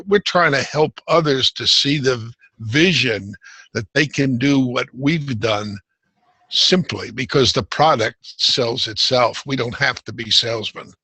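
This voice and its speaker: A man with a husky voice on an online call, earnest and upbeat. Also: mid-range voice, bright, forceful tone, no room sound, poor audio. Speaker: webinar participant. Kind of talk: casual online meeting talk.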